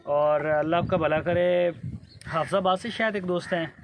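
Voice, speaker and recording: A man's voice: on the high side, steady tone, moderate pace, a little hiss or hum. A man with a Pakistani Urdu accent chatting casually outdoors at a cattle farm, reeling off lists of names. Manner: conversational, reels off lists of names. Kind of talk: casual chat.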